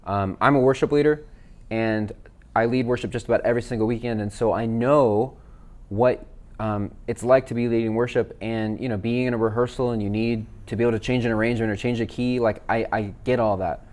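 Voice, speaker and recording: A man, a worship leader, walking viewers through app features in a relaxed, chatty way with fillers. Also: mid-range voice, brisk. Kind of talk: casual software demo. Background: backing tracks playing.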